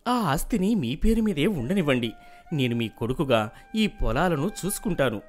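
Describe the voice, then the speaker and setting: In acted folk tale dialogue, a man voices a humble, good-hearted young farmhand, sounding earnest, gentle, and respectful. His voice is on the high side and sing-song at a moderate pace, with soft music playing behind him.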